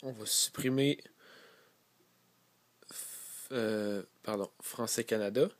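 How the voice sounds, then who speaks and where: A man with a Québécois French accent, calmly walking viewers through a device setup tutorial step by step, with frequent fillers. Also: lowish voice, slow, no echo. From Quebec. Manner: relaxed, many fillers, explains step by step. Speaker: tech tutorial host. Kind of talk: casual screen-recorded tutorial.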